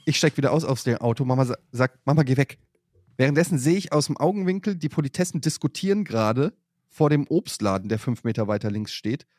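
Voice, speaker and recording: A man, hosting a podcast and telling a long, animated anecdote in casual chat. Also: mid-range voice, quick pace, no echo, clean studio sound. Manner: animated anecdote-telling, voices his mother. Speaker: podcast host.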